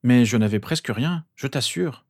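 A man's voice: medium pitch, lively intonation, moderate pace, a little mellow, no room sound, clean studio sound, close to an everyday voice. A man voicing a defensive, sheepish teenage boy making excuses to his parents.

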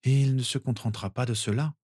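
A woman's voice: a bass voice, fairly even intonation, quick pace, mellow, husky, dry recording, studio quality, voice pushed up. A man reading a story aloud, voicing a skeptical young female auror. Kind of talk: audiobook character reading.

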